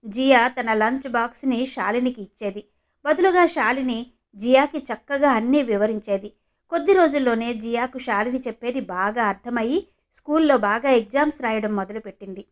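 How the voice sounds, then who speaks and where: Woman narrating a story, somewhat high. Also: moderate pace.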